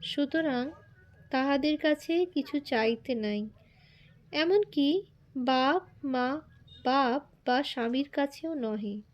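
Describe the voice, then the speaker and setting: A woman reading a biography aloud in formal prose, slow and measured, with quoted lines spoken in a more everyday tone. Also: high voice, lo-fi sound. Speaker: reader.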